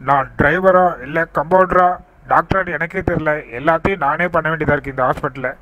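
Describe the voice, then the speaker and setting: A man narrating a role-play game story, reassuring the other characters and explaining what he sees. His voice sits slightly high with a playful lift. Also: fairly even intonation, a little fast, sharp tone, dull audio.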